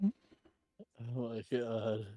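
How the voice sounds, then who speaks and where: A woman's voice: a bass voice, level tone, very slow, warm tone. A woman playing in a tabletop game, joking crudely and giggling often over an online voice call. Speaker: player. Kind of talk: casual tabletop chat.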